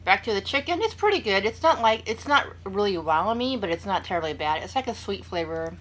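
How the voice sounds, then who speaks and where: A woman's voice: medium pitch, big pitch swings, brisk, a bit bright. A young adult woman chatting casually to viewers while she eats, rambling through anecdotes with self-deprecating asides. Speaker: vlogger hosting a mukbang. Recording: clear background room noise.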